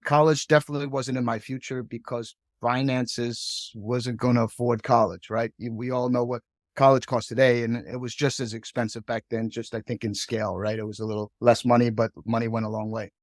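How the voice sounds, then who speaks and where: With a brisk delivery and little pitch movement in his mid-range voice, a middle-aged man from Hong Kong chats through his career story as a podcast guest, frequently adding "right?" The studio-quality audio has no room sound.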